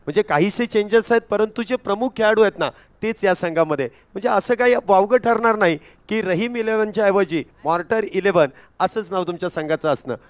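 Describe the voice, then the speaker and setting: A man giving live commentary on a local tennis-ball cricket match, with a Marathi accent, rising in excitement on each wicket and run. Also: high-pitched, brisk, hardly any pauses, smooth. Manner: excitable rises on wickets and runs.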